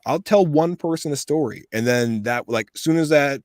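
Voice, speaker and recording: An American man in his thirties, a voice actor appearing as a guest, tells animated stories in a casual interview and performs the voices of the people he quotes. His voice sits on the high side at a moderate pace, with no room sound.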